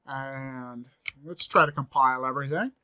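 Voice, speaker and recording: A man's voice: mid-range voice, normal speed, sharp tone, smooth. A man in his forties giving a screen-recorded coding tutorial from a home office, thinking aloud as he types, upbeat and chatty. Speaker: programming instructor.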